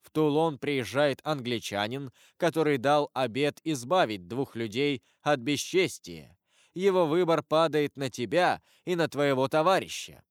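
A man voicing a stern, solemn avenger disguised as a priest, speaking gravely and in measured sermons. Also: mid-range voice, lively intonation, no room sound, clean studio sound, natural voice.

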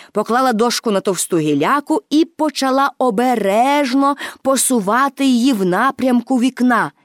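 Lady reading a kids story out loud, really expressive w/ dramatic pauses, dry close sound. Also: sits high, dry recording. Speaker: narrator. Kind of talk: storybook narration.

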